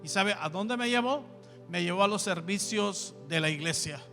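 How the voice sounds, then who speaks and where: Bright, high-voiced Honduran preacher. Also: male voice, normal speed, gravelly, big-room sound, faint music behind. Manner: emphatic, repeats key phrases. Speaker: pastor. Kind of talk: sermon.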